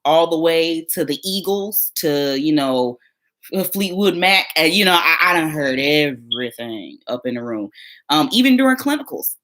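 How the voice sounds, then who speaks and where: A woman's voice: low-pitched, lively intonation, moderate pace, fairly bright tone. A young woman, chatting casually on a livestream as a new surgical tech, talking straight to her viewers and laughing often.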